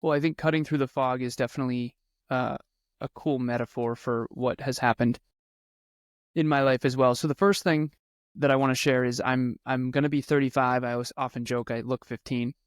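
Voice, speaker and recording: A man's voice: medium pitch, steady tone, brisk, no room sound, clean studio sound. Earnest man in his thirties. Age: 30s. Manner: earnest, repeats words for emphasis. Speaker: podcast guest, speaker and coach. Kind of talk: conversational interview storytelling.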